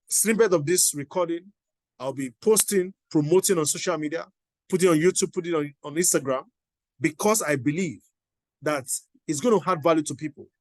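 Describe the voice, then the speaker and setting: Guy giving a pep talk lesson, bit high voice, dry close sound, keeps hammering the point. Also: dry recording. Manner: emphatic, repeats exhortations. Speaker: motivational coach. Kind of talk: motivational teaching talk.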